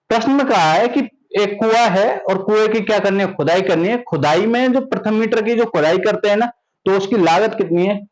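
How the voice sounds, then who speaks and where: A young man with a high voice gives a maths lesson. He keeps asking his students questions, repeats them, and then answers himself in a steady classroom rhythm. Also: poor audio. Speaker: maths teacher.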